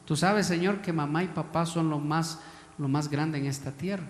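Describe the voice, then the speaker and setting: A male pastor with an Ecuadorian accent delivers a sermon in a high, ringing voice. He presses his listeners with questions and keeps calling them brother. The room is a big hall with a long, echoing reverb. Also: normal speed. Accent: Ecuadorian Spanish. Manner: preachy, repeatedly addresses listeners as brother.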